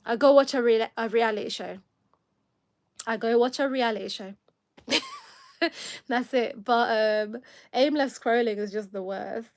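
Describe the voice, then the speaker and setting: A woman with a Kenyan accent hosts a casual livestream chat, her fairly high voice very animated yet a little slow, with frequent pauses. She rambles, corrects herself, laughs often, and sounds somewhat tired.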